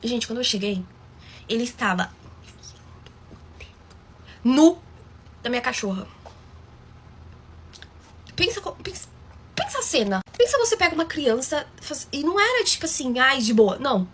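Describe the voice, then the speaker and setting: A woman's voice: sits high, very animated, moderate pace, long pauses, a little hiss or hum. A woman telling a story in a chatty, dramatic way, often calling out to her listeners. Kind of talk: casual storytime.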